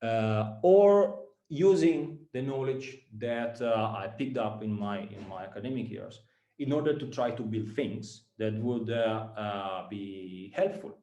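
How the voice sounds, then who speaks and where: An Italian startup founder with an Italian accent gives a talk to students, speaking haltingly with lots of fillers and repeated words. His voice is on the low side and warm, with a roomy sound.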